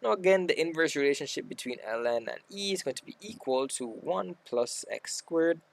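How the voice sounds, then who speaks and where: A man's voice: on the high side, animated, moderate pace, gravelly, no echo. A man tutoring maths, talking casually through a worked example step by step and correcting himself as he goes. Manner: talks through steps aloud, self-correcting. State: hiccuping.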